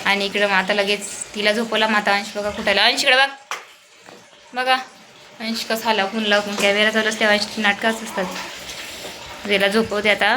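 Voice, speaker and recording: A woman's voice: medium pitch, noisy background. A young woman, a mother from Maharashtra, chatting casually to viewers in a family home vlog, often cooing to her baby. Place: home, indoors.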